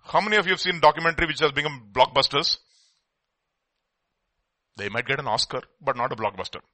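A man's voice: medium pitch, brisk, sharp tone, no echo. A man with an Indian accent preaching and reading scripture emphatically, repeating phrases and putting questions to his listeners.

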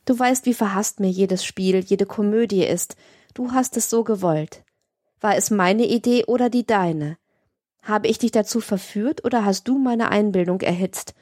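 A woman's voice: mid-range voice, normal speed, dark tone, no room sound, studio quality, natural voice. A woman reading an audiobook, voicing a cold, imperious woman who commands her lover in a stern, haughty way. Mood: stern, commanding. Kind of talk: audiobook reading of a classic novel.

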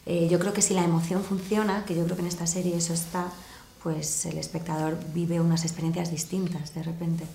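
A woman, an actress from Murcia, talking casually in an interview, lively, laughing often and thinking aloud. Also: on the low side, fairly quick, vocal fry, reverberant, slight background noise.

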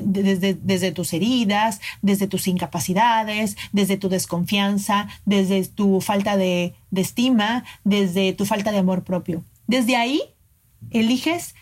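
A woman's voice: mid-range voice, darkish tone. A middle-aged woman, hosting a podcast and giving earnest relationship advice straight to her listeners. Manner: earnest, coaching, addresses listeners directly. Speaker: podcast host.

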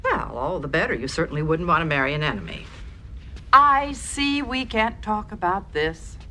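A woman's voice: fairly low pitch, lively intonation, moderate pace, bright, forceful tone, a little hiss or hum. An actress playing an overbearing, theatrical alien mother in a TV episode clip, imperious and grand.

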